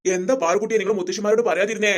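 A performer voicing a gentle, worried old grandfather in a children's family skit, with a low, gruff put-on voice. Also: fairly even intonation, rapid-fire, very noisy, natural voice. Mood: surprised.

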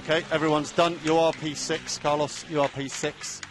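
A man's voice: on the high side, level tone, moderate pace, a bit bright, faint music behind. A man giving instructions as a race engineer over team radio, repeating key information. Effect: team radio transmission.

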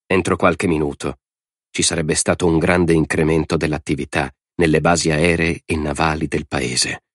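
A man reads an audiobook in a measured, dramatic manner. His voice sits very deep, and the studio sound is dry and close, with no room around it. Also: dry recording. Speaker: audiobook narrator. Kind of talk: scripted narration.

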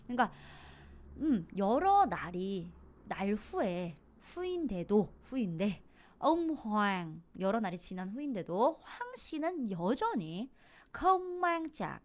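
A woman teaching an intermediate Vietnamese reading lesson in an animated way. She quizzes her students and gives the story's lines a little drama, at a middle pitch for a woman. She is recorded close to the mic. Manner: lively, asks students questions, acts out story lines.

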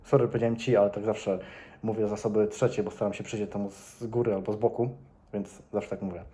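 A man's voice: on the low side, little pitch movement, fast talker, warm tone. A young man giving earnest, casual commentary to his viewers, speaking to them directly and repeating points for emphasis. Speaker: vlogger.

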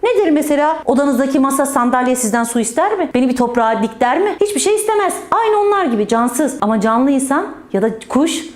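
A woman's voice: high-pitched, expressive, fairly quick, few pauses, reverberant. A woman teaching children in a playful storytelling way, joking with the pupils and stressing words in a sing-song manner. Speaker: primary school teacher.

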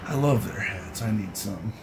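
A man's voice: on the low side, lively intonation, normal speed, noisy background. A man chatting casually during gameplay, crude and swearing, laughing at his own jokes. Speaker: gamer.

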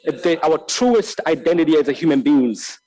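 This is a Lesotho man in his 30s, a filmmaker leading a master class, with a warm, mellow tone that sits on the high side and lively intonation. His reflective lecture is halting, full of repeated words and restarts, and he gestures with his hands. The sound comes through a stand-mounted desk mic in a big, bright hall lined with tall windows.

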